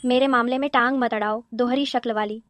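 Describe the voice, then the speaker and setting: A woman's voice: on the high side, steady tone, brisk, no room sound, close to an everyday voice. A woman voicing a bold, bossy young commander's wife who teases and scolds in a dubbed drama. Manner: bold and sharp-tongued. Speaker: commander's wife in a 1970s army base drama.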